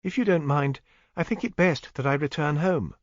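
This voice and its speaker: A weary, well-bred young lady of the Regency era, apologetic and gentle, as a male audiobook reader puts her on, lifting his voice well above its usual low register. The sound is dry and a little muffled. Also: normal speed, no room sound, natural voice. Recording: dull, dry studio recording.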